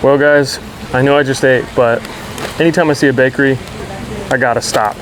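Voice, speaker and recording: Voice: mid-range voice, steady tone, a little fast. A travel vlogger chatting casually to camera in an informal, easily enthusiastic way. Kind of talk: casual vlog chat to camera. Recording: noisy vehicle and outdoor ambience.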